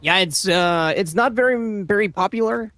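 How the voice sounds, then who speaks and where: A male esports commentator with a somewhat high voice. He talks through the match live, calling plays and analysing them as a caster. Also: normal speed, bright, forceful tone, a little hiss or hum.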